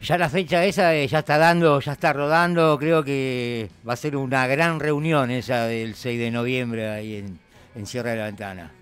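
A man's voice: medium pitch, fairly even intonation, normal speed, a bit bright, smooth, faint music behind. A middle-aged Argentine man hosting a casual radio interview in the studio, joking and teasing his guest. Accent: Argentine Spanish. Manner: jokey, teasing. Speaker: radio host. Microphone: studio mic with headphones.

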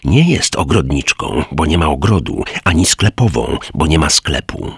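A man's voice: very deep voice, animated, normal speed, vocal fry, slightly rough, no echo, studio quality, full character voice. A man doing a sly old church beggar. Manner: knowing, sly storyteller.

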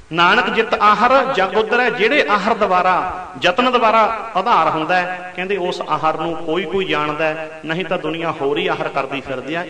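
A man preaching a Sikh katha sermon, his voice high and ringing. He draws out chanted scripture lines, then presses on with pointed rhetorical questions. The sound is bright and carries a long reverb, as in a large hall.

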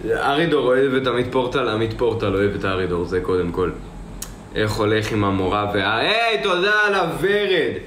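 A man's voice: fairly low pitch, sing-song, fairly bright tone, reverberant, a little hiss or hum. A young man chatting casually on a live stream, answering viewers and rambling, often repeating himself. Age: young adult. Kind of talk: casual live-stream chat, reading comments aloud.

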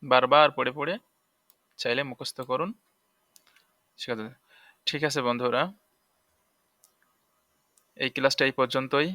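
A man teaching Arabic letters and their sounds, speaking in a Bangladeshi Bengali accent. He explains slowly, drills each letter's sounds aloud, and asks now and then whether his listeners have understood. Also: mid-range voice, fairly even intonation, pushed and bright, no echo. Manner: asks "okay?" to check understanding. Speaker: Quran reading teacher. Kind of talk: spoken lesson.

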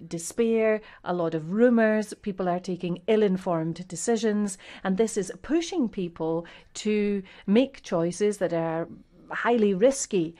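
Mellow-voiced woman giving panel remarks. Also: lowish voice. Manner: measured, structured points. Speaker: webinar panelist. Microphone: video call.

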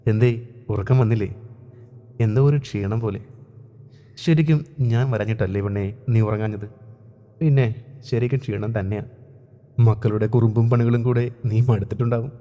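A male storyteller voicing a caring, gentle husband who talks in a soft, reassuring way. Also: mid-range voice, fairly even intonation, moderate pace, long pauses, lightly acted. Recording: long room reverb.

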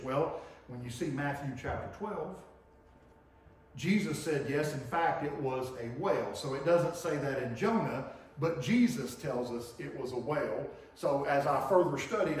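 A man's voice: mid-range voice, distant mic. A middle-aged man preaching a sermon in a conversational teaching manner, often checking in with his listeners. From Tennessee, US. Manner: conversational teaching, frequent "okay?" and "right?" checks. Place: church sanctuary with projector screen. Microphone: room mic from far camera. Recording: very echoey church from afar.

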